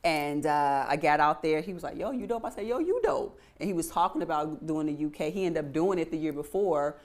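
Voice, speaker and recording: A young adult woman musician telling stories in a casual interview, animated and repeating phrases for emphasis. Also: low voice, brisk. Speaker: guest musician.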